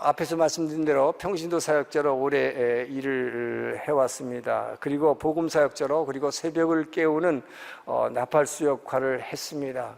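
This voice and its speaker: A middle-aged man, a pastor, telling his own story in a sermon, pausing often with fillers. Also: fairly high pitch, vocal fry, darkish tone. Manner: storytelling, with frequent pauses and fillers. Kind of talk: sermon testimony. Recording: long hall reverb.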